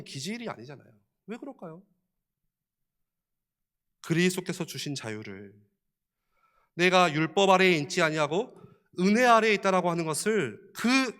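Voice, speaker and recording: A male pastor preaches a sermon in church in a conversational way, posing many questions to the listeners and chuckling often. His voice is high with a sharp tone.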